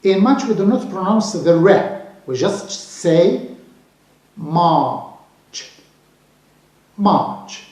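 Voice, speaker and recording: A man teaching English pronunciation to beginners, speaking slowly and repeating each word carefully. His native language is Arabic. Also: high-pitched, expressive, mellow. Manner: drills words slowly and repeats them. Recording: very echoey room.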